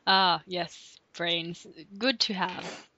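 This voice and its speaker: A woman's voice: fairly low pitch, pushed and bright, no room sound. Young woman, giggly rambling podcast chat, dry close sound, dull lo-fi call audio. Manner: giggly, rambling, with many restarts. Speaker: podcast co-host. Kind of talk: casual chat.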